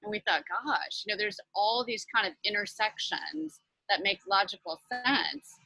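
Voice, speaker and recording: A woman's voice: medium pitch, lively intonation, moderate pace, bright, forceful tone, no room sound, soft background music, poor audio. A woman talking as a guest on a video call from her front porch office, chatty and upbeat with lots of fillers. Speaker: guest, nonprofit leader. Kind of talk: casual interview chat.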